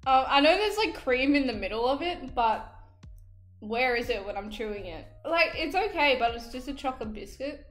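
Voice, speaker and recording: Young Australian woman, vlogger, giggly and chatty, slightly high voice, roomy echo with light music under her. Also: expressive, normal speed, fairly bright tone. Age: young adult. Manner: giggly, chatty, lots of fillers. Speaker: vlogger taste-testing snacks. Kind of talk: casual on-camera chat. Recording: echoey room, faint music.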